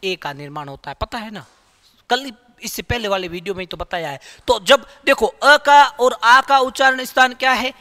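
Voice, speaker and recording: A man teaching a grammar lesson, repeating key terms as questions and answering them himself, and sounding out letters slowly. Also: very high voice, sharp tone, in a large hall. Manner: demonstrates sounds aloud, drawn out. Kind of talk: classroom-style grammar lesson.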